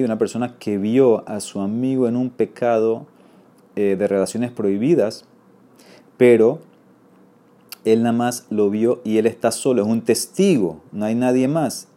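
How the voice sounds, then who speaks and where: Spanish-speaking man teaching Talmud, mellow. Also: on the low side, normal speed. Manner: reads Aramaic then explains in Spanish, asks "¿ok?". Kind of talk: Talmud study class, reading and explaining.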